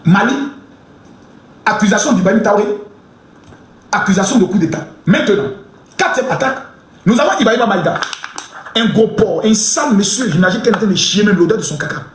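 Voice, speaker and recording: A man ranting in a live commentary, shouting insults with mocking laughter. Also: sits high, a little hiss or hum. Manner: animated, swings between chanting and fast talk. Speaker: online commentator. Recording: echoey room.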